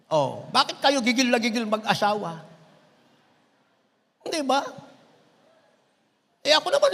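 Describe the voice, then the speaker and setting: Middle-aged preacher guy, sharp bright voice, big echoey church hall. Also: gravelly. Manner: impassioned, swings between shouting and low asides. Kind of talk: Tagalog sermon. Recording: long hall reverb.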